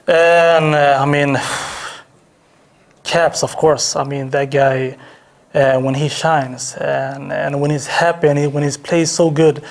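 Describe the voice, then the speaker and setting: Gravelly, halting team captain. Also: male voice, on the high side, steady tone. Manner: hesitant, halting, heavy on fillers. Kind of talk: post-match interview.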